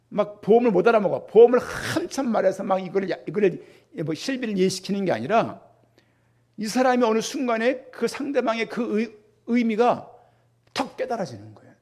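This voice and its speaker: Pastor, male, middle-aged, high voice with a husky edge, lively preaching to a congregation. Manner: animated preaching with rhetorical questions to the congregation. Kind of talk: sermon.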